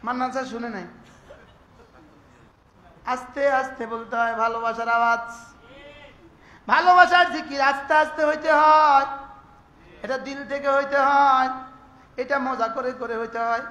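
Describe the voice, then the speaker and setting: High-voiced male preacher in an echoey space. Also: sharp tone. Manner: questions the crowd often, slow drawn-out chanting of prayers. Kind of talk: sermon. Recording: echoey with faint ambient noise.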